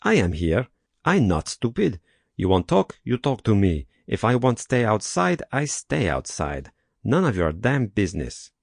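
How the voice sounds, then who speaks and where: A fierce old mother with a thick Turkish accent snaps back in blunt, broken English, as a male narrator puts her on. Her voice stays low, and she sounds defiant and scolding. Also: wildly swooping pitch, measured pace, vocal fry, darkish tone, slightly rough, no room sound, clean studio sound, exaggerated voice. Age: 70s.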